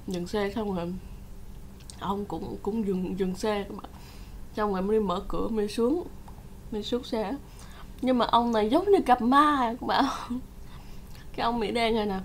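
A chatty woman vlogger tells a story straight to her viewers, her voice sitting a little high. She laughs often and acts out each quote as she goes. A faint hiss runs under the recording. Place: home in Canada.

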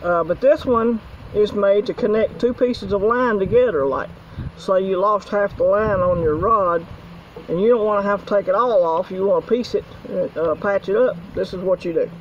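Middle-aged man, high voice, folksy rambling demo, outdoors, dull phone mic with faint background noise. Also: moderate pace. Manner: folksy, rambling, talks while working with his hands. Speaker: outdoors vlogger. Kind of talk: casual hands-on demonstration. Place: outdoors in a yard. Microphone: handheld phone camera.

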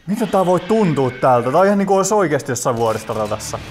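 Young man, excitable yelping game commentary, lively swooping voice, game music behind. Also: fairly high pitch. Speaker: YouTuber playing a horror game.

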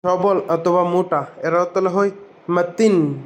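Bangladeshi man, slightly high voice, teaching casually. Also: steady tone. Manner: repeats each word slowly, explains plainly. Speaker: language teacher. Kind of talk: casual vocabulary lesson.

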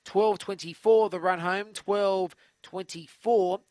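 A man's voice: high voice, steady tone, slow, a little mellow, no room sound. A man with an Australian accent calling greyhound races and announcing results in clipped, repeated phrases. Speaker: greyhound race caller. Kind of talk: live racing commentary and results announcing.

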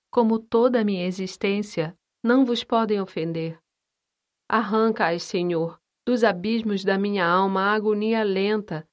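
A woman voicing a gentle, long-suffering noble mother who speaks meekly and plaintively. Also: mid-range voice, natural voice. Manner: meek, plaintive and tender.

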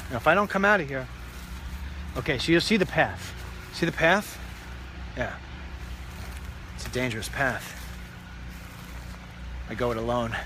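Guy vlogging outside on his phone, chatty and rambling, bright punchy voice, bit of outdoor noise. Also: a little high, poor audio. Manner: chatty, rambling, joking asides. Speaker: show host. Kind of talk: casual walk-and-talk vlog. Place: outdoors on a rural property by a pond.

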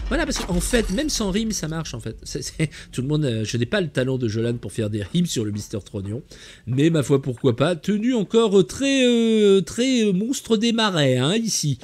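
A man's voice: a little high, big pitch swings, normal speed, darkish tone, breathy edge. A man hosting a gameplay tour, chatting in a jokey, enthusiastic way. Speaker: game channel host. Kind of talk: playful gameplay tour commentary.

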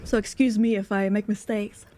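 A woman's voice: mid-range voice, little pitch movement, normal speed, mellow, a little hiss or hum. A woman streamer chatting casually with her viewers while she eats and plays a game. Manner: chatty, eating while talking, laughs often. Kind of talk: casual live-stream chat while gaming and eating.

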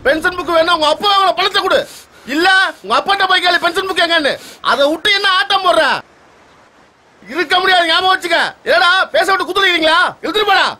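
A man's voice: extremely high pitch, brisk, sharp tone, slight background noise, exaggerated voice. An actor playing a tipsy, drawling old father in a film comedy. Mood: scolding. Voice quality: drawling, tipsy, sing-song. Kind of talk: Tamil film comedy acting. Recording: film soundtrack with music behind.

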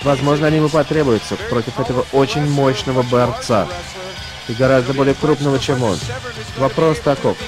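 A man's voice: mid-range voice, steady tone, a little fast, music in the background. A man doing translated voice-over commentary on a fight broadcast, speaking as a commentator. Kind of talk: live translated sports commentary.

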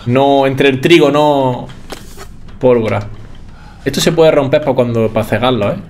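A man's voice: medium pitch, a little slow, a little hiss or hum. A man from Spain with a Spain Spanish accent, giving chatty let's play commentary to his viewers and swearing casually. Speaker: gaming YouTuber.

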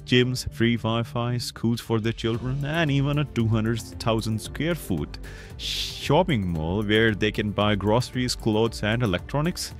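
A man narrating an explainer video in a conversational voice-over, sometimes stumbling and restarting words. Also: on the low side. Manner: slips and restarts mid-word. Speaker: documentary narrator.

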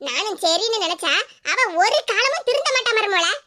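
Casting: a quarrelsome, cackling old cartoon mother-in-law, very high and fast, Tirunelveli Tamil accent. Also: lively intonation. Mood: plotting. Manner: scolding, theatrical, cackling. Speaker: cartoon voice actor. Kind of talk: comic cartoon voice acting. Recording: noisy recording.

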